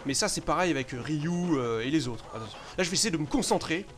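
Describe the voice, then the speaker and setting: A man with a fairly high voice commentates his own gameplay live. He swears freely, bursts out loudly and then drops to mutters. Faint game music plays behind him. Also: fast talker. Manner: excitable, swears often, sudden loud outbursts then mutters.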